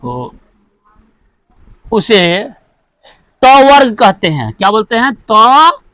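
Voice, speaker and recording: Slow and sing-song, this high male voice has a fairly bright tone and no echo. He's a teacher going over grammar, restating each point, answering his own questions, and drilling sounds one after another.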